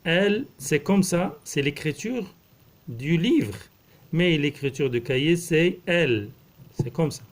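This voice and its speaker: A man, a primary school teacher slowly explaining a lesson, repeating words and spelling out letters. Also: on the high side, expressive. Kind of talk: slow classroom explanation.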